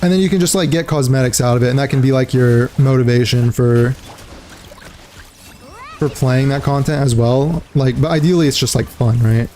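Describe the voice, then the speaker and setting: A man's voice: mid-range voice, normal speed, warm tone. Rambling young guy streaming games. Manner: rambling, filler-heavy, says "dude" and "bro". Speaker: livestreamer. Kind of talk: casual gaming chat.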